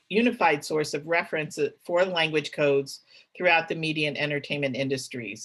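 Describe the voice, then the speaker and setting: A woman's voice: fairly low pitch, a bit bright. A middle-aged woman giving a webinar presentation, talking conversationally with many fillers and restarts.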